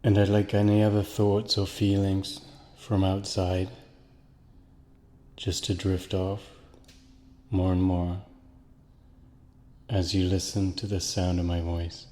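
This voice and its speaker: A man with a very deep, nearly monotone voice leads a guided hypnosis relaxation. He speaks in slow, soothing, repetitive phrases, and his voice trails off into a long reverb.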